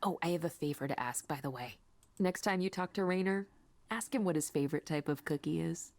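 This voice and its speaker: An actress playing an earnest, kind and self-assured woman in a visual novel, speaking in a natural, gently encouraging conversational way. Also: low-pitched, brisk. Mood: light, friendly. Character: Ray, earnest, kind, self-assured female tech colleague.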